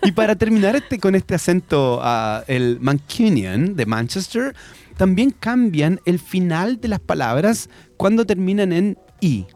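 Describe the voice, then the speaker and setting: Lively man co-hosting radio. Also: high voice, a little slow, no echo. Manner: lively, explanatory, switches between Spanish and English. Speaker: radio show co-host. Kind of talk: bilingual educational radio chat about English accents. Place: radio studio.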